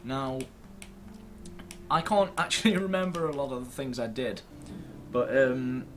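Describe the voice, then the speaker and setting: At his computer indoors, the host of a gaming video series rambles casually to camera, self-deprecating and mildly sweary. His medium-pitched voice is animated and measured in pace, with slight background noise.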